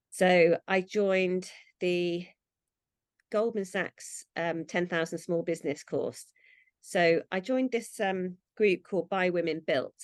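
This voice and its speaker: In a relaxed interview, a woman who founded a brand talks chattily as a podcast guest, voicing her own past thoughts as if quoting them. She has a fairly low pitch, captured in clean studio quality without any room sound.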